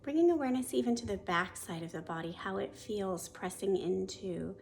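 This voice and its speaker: A woman's mid-range voice guides a meditation at normal speed; she is a yoga teacher whose soft, soothing instructions often trail into a breathy near-whisper.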